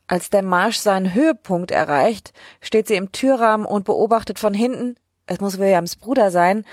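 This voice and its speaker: Husky woman recapping a show. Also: mid-range voice, darkish tone, no echo, studio quality. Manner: chatty and colloquial, with wry asides. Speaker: series recap host. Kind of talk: casual episode recap narration.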